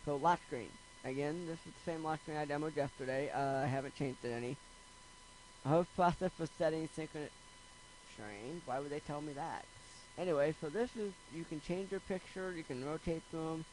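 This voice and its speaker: A man's voice: fairly high pitch, normal speed, darkish tone, a little hiss or hum, rough recording. A man hosting a casual, rambling computer screencast tutorial, with jokey, self-deprecating asides. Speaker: screencast host.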